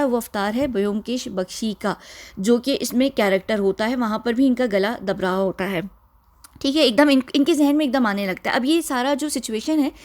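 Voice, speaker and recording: A woman explaining a music video scene by scene in a casual, halting way, often urging viewers to look closely. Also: a little high, darkish tone. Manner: conversational with frequent fillers and restarts. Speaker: video commentator.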